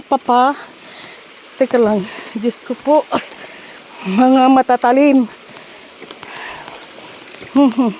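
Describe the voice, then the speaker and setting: A woman's voice: high voice, dark tone, slight background noise. Breathless woman vlogging on a jungle hike. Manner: chatty, exclaiming, mixes English into Tagalog. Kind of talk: casual hiking vlog narration. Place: outdoors on a forest trail by a waterfall.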